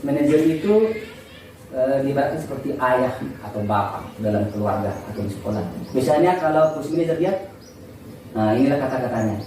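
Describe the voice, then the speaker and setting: A man's voice: medium pitch, animated, fairly quick, dark tone. Guy teacher chatting to colleagues, bouncy voice, far from the mic, faint hiss behind. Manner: conversational, often acts out exchanges with students. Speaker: teacher presenting to fellow teachers. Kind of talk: informal workshop presentation. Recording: echoey room, far from the mic, faint noise.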